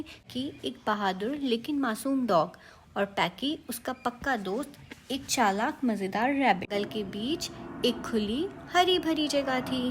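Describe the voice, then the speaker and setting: Slow, gentle woman storyteller. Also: high voice, a little hiss or hum. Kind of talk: children's story narration.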